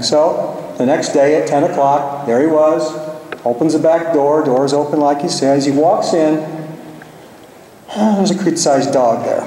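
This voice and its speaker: A male physician giving a formal memorial lecture, telling stories in a measured, deliberate way. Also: on the high side, mellow, a little hiss or hum. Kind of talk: formal ceremonial speech with anecdotes. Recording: echoey hall, far from mic.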